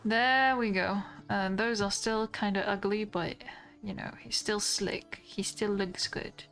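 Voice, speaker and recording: A woman's voice: medium pitch, fairly even intonation, unhurried, gravelly, a bit bright, soft background music. A woman giving casual commentary as she streams a game, chatty and swearing freely as she explains her character's thoughts.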